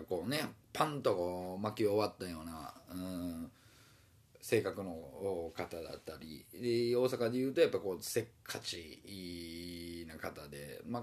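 A man with a Kansai accent and a low voice talks on his own in a loose, casual way. He drifts from thought to thought and fills his pauses with many small hesitations. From Osaka. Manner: meandering, many fillers and hesitations. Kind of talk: casual solo talk.

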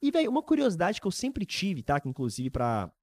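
A man in his early twenties with a Brazilian Portuguese accent, hosting a podcast in casual, animated, slangy chat. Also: sits high, a little fast, no echo. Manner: animated, informal, heavy use of slang. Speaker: podcast host.

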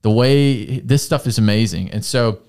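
A man's voice: lowish voice, moderate pace, vocal fry, a little mellow. A man in his twenties hosting a podcast, rambling and joking in casual chat and laughing often. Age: 20s. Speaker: podcast host.

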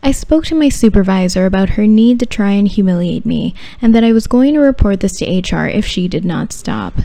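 A woman's voice: medium pitch, expressive, fairly quick, gravelly, warm tone, no echo. A woman hosting a podcast, telling scripted personal stories in a sultry, wry, arch delivery with no discernible regional accent. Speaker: podcast host.

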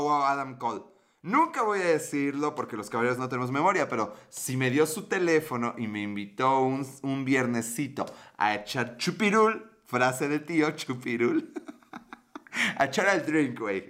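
This livestream host is a man with a Mexican accent whose voice sits on the high side with a fairly bright tone. Slightly tipsy, he rambles casually in slangy, profane talk and reads his viewers' comments aloud.

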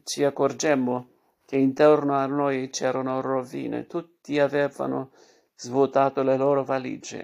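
A man narrates a literary story in a measured, expressive manner. His voice has a gravelly, creaky texture at a middle pitch. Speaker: reader.

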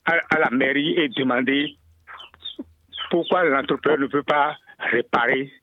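A man calling in to a radio show, talking haltingly with many fillers and repeated words. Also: medium pitch, slight background noise. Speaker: caller. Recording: tinny phone line.

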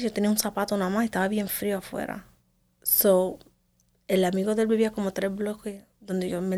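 A woman, telling her own life story in an interview and sometimes sinking to a hush. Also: medium pitch. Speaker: interview guest. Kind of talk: emotional personal testimony.

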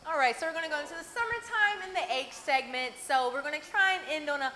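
Woman, American accent, high voice, bright tone, playful teasing host, casual questions, faint room noise. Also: animated, fast talker. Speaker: talk show host. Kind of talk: casual hosting with questions to guests. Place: live show with an audience.

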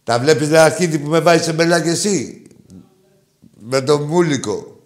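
A man hosting a call-in show, joking crudely with callers, swinging between loud mocking outbursts and low mutters. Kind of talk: crude casual call-in banter.

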